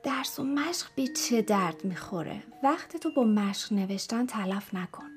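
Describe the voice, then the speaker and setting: A woman's voice: a little high, expressive, soft background music, natural voice. A woman doing a teasing, sly uncle. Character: playful uncle using reverse psychology.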